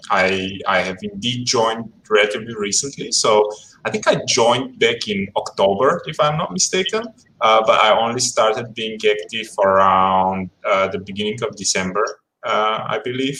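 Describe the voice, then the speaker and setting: Soft-spoken Bulgarian-born man on a call. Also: fairly low pitch, rough recording. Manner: hesitant, many fillers and restarts, polite. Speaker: guest speaker. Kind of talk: casual livestream talk.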